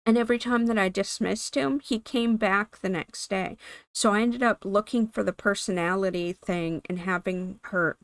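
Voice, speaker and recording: A woman talking casually over her gameplay footage in a meandering, chatty way, her voice hoarse from being sick. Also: medium pitch, moderate pace, no room sound. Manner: meandering, self-correcting, chatty. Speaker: gaming channel host.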